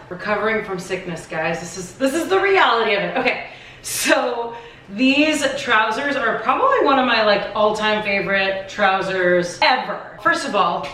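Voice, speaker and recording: A woman's voice: medium pitch, pushed and bright, a little hiss or hum. A young adult woman chatting casually through a fashion styling vlog, upbeat and full of filler "like"s. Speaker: fashion vlogger. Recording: echoey room, distant mic.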